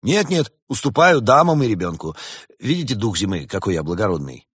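A man's voice: fairly low pitch, big pitch swings, fairly quick, a bit bright, breathy edge, no room sound, studio quality, pitched above the performer's own voice, full character voice. A man voicing a scheming male badger businessman in a read-aloud fairy tale, sly and wheedling.

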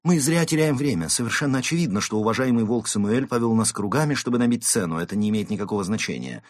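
A decisive storybook leader gives firm orders in a raised, husky voice, as a man puts him on. He speaks crisply, in command. The recording is dry and close. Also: lowish voice, lively intonation, quick pace, dry recording, pitched above the performer's own voice. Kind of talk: audiobook character reading.

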